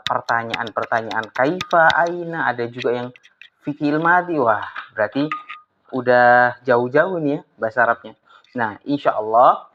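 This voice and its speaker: A woman teaching an Arabic class to children, coaxing her pupils with lively questions. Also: very deep voice. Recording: slightly dull lo-fi with faint noise.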